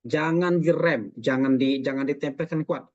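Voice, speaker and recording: A man's voice: a little high, fairly even intonation, darkish tone, dry recording, muffled recording. Patient male recitation teacher on a call. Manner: patient, corrective, models pronunciation slowly. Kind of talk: online recitation class coaching. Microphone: video call.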